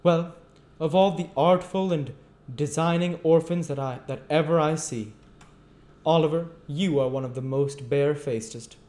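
A man's voice: a little high, drawn-out words, few pauses, warm tone, pitched above the performer's own voice. A man voicing a pompous, solemn male parish beadle, from an audiobook reading. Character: pompous male workhouse beadle, self-important.

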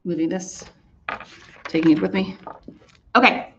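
A woman's voice: lowish voice, unhurried, fairly bright tone, slight background noise. Chatty woman teacher, echoey room. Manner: chatty, many "like" fillers. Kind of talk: casual classroom explanation. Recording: echoey room, muffled sound.

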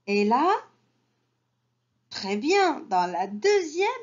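Slow teacher woman, dull lo-fi sound. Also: fairly high pitch. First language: Arabic. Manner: slow, syllable-by-syllable modelling with repeated words. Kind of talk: early reading lesson for children.

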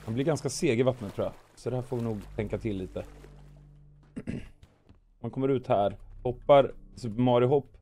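A man hoarse from weeks of coughing, giving playful gameplay commentary as a gaming video host and narrating his moves with comic sound words. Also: mid-range voice, long pauses, dark tone.

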